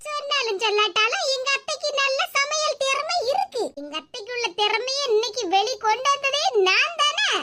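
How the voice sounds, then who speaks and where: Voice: very high-pitched, animated, moderate pace, hardly any pauses, very noisy. A voice actor playing a clever, smug young daughter-in-law in a cartoon. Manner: smug, giggling.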